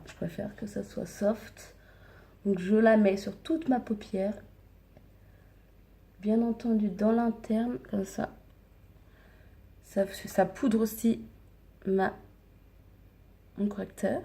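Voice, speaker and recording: A woman chats slowly through her makeup routine, filming herself on a phone at home. Her voice is mellow and unhurried, full of small hesitations. Now and then she drops into a near whisper. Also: medium pitch, creaky. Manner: hesitant, many fillers, slips into soft whispers. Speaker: makeup vlogger. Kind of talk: casual makeup tutorial chat. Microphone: phone camera.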